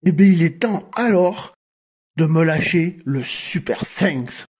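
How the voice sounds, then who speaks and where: A man's voice: on the high side, lively intonation, slow pace, darkish tone, husky. A man hosting his own coin collecting channel, friendly and instructive, explaining things to viewers step by step.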